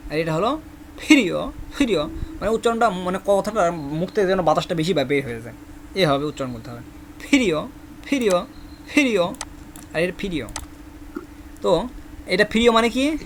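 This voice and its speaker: A high-pitched man teaches a Korean vocabulary class, saying each word again and again and quizzing his students. A faint hiss of background noise runs under his voice. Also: expressive, fairly quick, long pauses, a bit bright. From Bangladesh. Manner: repeats each word many times, asks the class questions. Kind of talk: classroom lesson with memory tricks.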